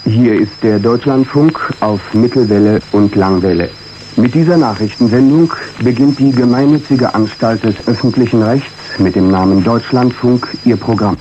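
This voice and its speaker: A man making a formal station announcement in a measured announcing manner, heard over AM mediumwave radio. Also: medium pitch. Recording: muffled archival AM radio broadcast with faint hiss.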